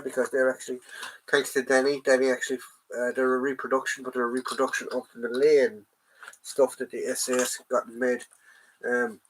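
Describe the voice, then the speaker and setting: An Irish man with a stuffy nose from a head cold hosts a casual livestream chat from home as a collector, rambling with plenty of ums and greeting viewers by name. His voice is medium-pitched, with a noisy background.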